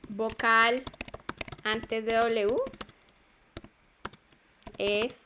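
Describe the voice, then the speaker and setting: Slow, patient Spanish-speaking woman teacher. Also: fairly high pitch, little pitch movement, sharp tone, slight background noise. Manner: patient, repeats sounds and checks understanding. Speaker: English teacher. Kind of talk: online class explanation.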